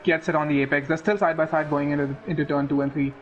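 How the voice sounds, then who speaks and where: A man's voice: fairly high pitch, little pitch movement, quick pace, lo-fi sound, faint music behind. A man co-commentating a motorsport race live in a conversational way, often repeating phrases. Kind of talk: live sim racing commentary.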